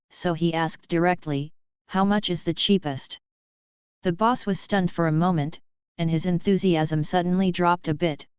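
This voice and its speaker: A woman narrating an audiobook novel in an even, steady reading. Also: on the low side, clear, resonant tone, no echo, dull audio. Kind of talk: scripted narration.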